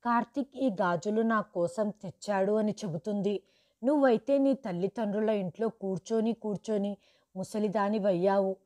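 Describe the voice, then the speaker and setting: Woman doing a resentful thirtysomething sister-in-law, sharp and accusing, raised a little in pitch, storybook narration. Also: moderate pace, natural voice. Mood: tearful complaining. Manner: angry, accusing outbursts. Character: bitter unmarried woman in her thirties, shrill sister-in-law.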